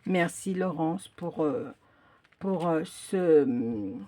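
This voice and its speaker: Woman w braces n sore mouth doing a chatty craft unboxing, soft mellow voice, kinda hesitant, tries hard to articulate. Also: low voice, lively intonation, very slow. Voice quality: speech slightly impeded by braces and mouth sores. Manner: hesitant, searching for words, effortful articulation. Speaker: craft video creator. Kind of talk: casual unboxing chat.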